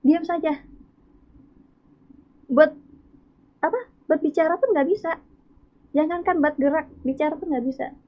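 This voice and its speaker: A woman's voice: high-pitched, a little slow, pauses often. A woman guest tells a personal faith testimony with feeling, acting out what people said. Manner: emotional storytelling, acts out dialogue. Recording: tinny, phone-like sound.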